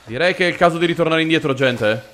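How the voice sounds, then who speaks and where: A man giving excitable, joking commentary while playing a horror video game. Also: fairly high pitch, quick pace, a little hiss or hum. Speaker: gaming video host. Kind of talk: let's play commentary. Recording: voice over loud game music.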